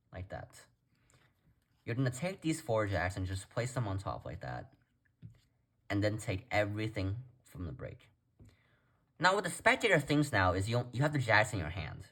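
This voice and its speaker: Low-voiced man casually teaching step by step. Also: fairly bright tone. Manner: informal, conversational, addresses viewers directly. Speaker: card trick tutorial presenter.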